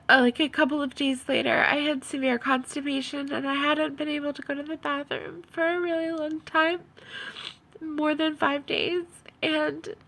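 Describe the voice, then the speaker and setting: A tearful, upset woman who sounds as if she has been crying, giving a halting personal monologue in which she repeats her phrases. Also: high-pitched, creaky, pushed and bright. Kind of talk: personal video monologue about own experiences.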